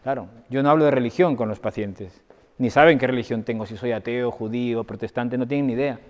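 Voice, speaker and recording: Speaking briskly in a mid-range, slightly mellow voice, a doctor addresses an audience in a parish hall with a chatty, anecdotal talk, frequently checking for their agreement. The hall's long reverb colors the sound.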